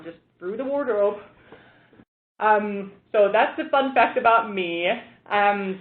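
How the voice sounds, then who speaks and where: Female expert presenter from Estonia, mid pitch, casual anecdotal delivery; echoey, tinny audio. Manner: chatty, storytelling with fillers. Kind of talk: conversational presentation. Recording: tinny phone line, echoey room.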